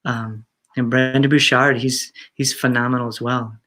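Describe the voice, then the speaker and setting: A man's voice: mid-range voice, level tone, moderate pace, bright, forceful tone. A man in his fifties, a guest in an interview, talking in a chatty way with many fillers and restarts and frequent laughter. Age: 50s. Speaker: guest speaker. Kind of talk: casual interview chat.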